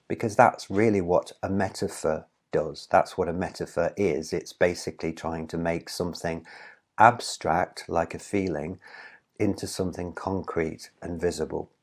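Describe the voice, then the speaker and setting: A man, a literature professor, giving a recorded introductory lecture, explaining patiently and asking the viewer rhetorical questions with the odd "um". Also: low voice. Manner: relaxed with occasional "um" fillers.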